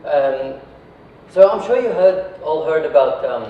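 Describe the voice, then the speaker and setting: In a reverberant indoor venue, a company founder from Iraq talks informally to a crowd, frequently checking in with "right" or "yeah." His voice is on the high side, with lively intonation and an unhurried pace. Recorded far from the mic, the sound is dull and carries faint noise.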